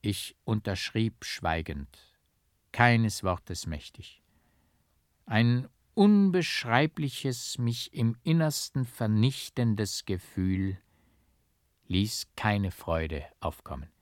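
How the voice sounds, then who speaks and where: A man reading a classic novel aloud as an audiobook, in a slow, hushed, brooding dramatic manner. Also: on the low side, very animated, no room sound, clean studio sound. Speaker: audiobook narrator.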